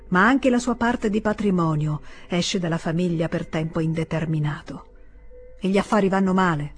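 A woman's voice: on the low side, close to an everyday voice. A woman voicing a proud, resentful middle-aged senator with a raised, reproachful voice.

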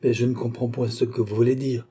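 A reserved young chevalier, curt and dignified, speaking in a dark, husky voice, as a male reader plays him. His replies stay cool and clipped in this storybook reading. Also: mid-range voice, level tone, a little fast, natural voice. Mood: restrained. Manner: cold, restrained, curt. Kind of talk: audiobook character reading.

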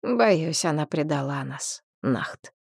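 A woman voicing a red-haired male comrade who speaks gravely and sighs as he delivers bad news. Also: low-pitched, steady tone, moderate pace, dry recording, clean studio sound. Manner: sighing, grave.

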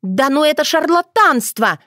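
A woman voicing a brash, jealous young village girl who talks in a shrill, squabbling way. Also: very animated, measured pace, dry recording, clean studio sound. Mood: outraged. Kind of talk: audiobook character voice.

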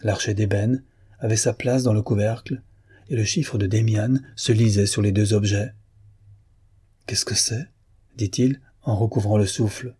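A man narrating a novel in a measured, literary reading. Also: lowish voice, fairly even intonation, warm tone, breathy edge.

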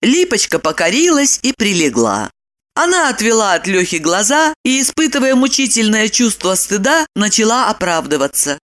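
A woman narrating an audiobook in a mid-pitched voice that swings widely in pitch. Her delivery is expressive and ironic, shaping each sentence like a told story. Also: moderate pace. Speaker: audiobook reader. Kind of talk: scripted narration.

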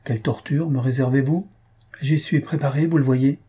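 A man's voice: medium pitch, fairly even intonation, normal speed, mellow, breathy edge, natural voice. A man reading the lines of a proud, guarded noblewoman in a cool, composed way.

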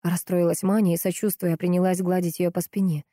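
A woman reading audiobook narration in an even, measured way. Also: on the low side, dry recording, clean studio sound. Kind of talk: scripted narration.

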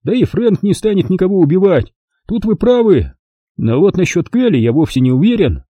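A man voicing a sly young kidnapper who speaks in a soft, coaxing way. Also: high-pitched, sing-song, fairly quick, no echo, muffled recording, voice pushed up.

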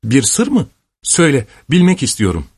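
A man's voice: mid-range voice, huge pitch swings, normal speed, darkish tone, breathy edge, no room sound, pitched above the performer's own voice. In this audiobook, an earnest young woman, voiced by a male reader speaks in a raised, coaxing voice with a touch of a pout. She sounds devoted and pleading. The recording is close and dry. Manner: earnest, coaxing and slightly pouting. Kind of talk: audiobook character reading.

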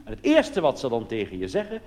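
On a theatre stage, a man with a Netherlands Dutch accent delivers a conversational comic cabaret monologue full of colloquial asides. He talks at a quick pace with a medium, darkish voice and huge pitch swings, captured in a noisy, echoing live hall recording.

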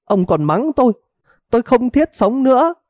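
A shrill, hot-tempered middle-aged village wife, as a male narrator puts her on, nagging and wailing in a high, piercing voice. Her pitch leaps about wildly over a dark, mellow tone, heard up close in a dry recording. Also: sing-song, normal speed, dry recording. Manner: scolding, wailing melodramatically.

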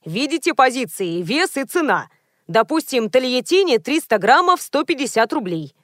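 A woman reading aloud and voicing a young male store manager who explains things slowly and defensively. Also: high-pitched, very animated, no room sound, clean studio sound. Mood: officious.

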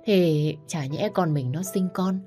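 A woman's voice: slow, faint music behind. A woman voicing an emotional old grandmother who exclaims with joy and tears in a storybook reading. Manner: exclaiming, higher and louder.

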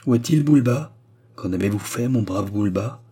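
A man's voice: medium pitch, little pitch movement, moderate pace, warm tone, husky, close to an everyday voice. A man voicing an anxious male grand duke who speaks in a trembling voice. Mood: worried.

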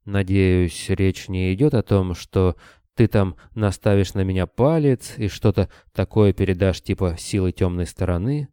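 A man voicing a worried, wary bearded man who talks anxiously and gets excitable. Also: low voice, a little slow, smooth, no echo, clean studio sound.

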